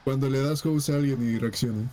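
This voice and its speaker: A man's voice: medium pitch, a little fast, mellow, soft background music. A man with a Mexican accent in casual chat, teasing and pushy, heavy on slang. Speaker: streamer co-host.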